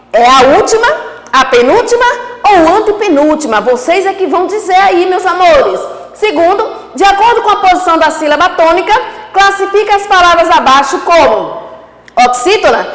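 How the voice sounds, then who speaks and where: Woman teacher, Brazilian Portuguese accent, high voice, roomy reverberant sound. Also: a bit bright. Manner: explaining slowly, addressing pupils directly. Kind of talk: online school lesson.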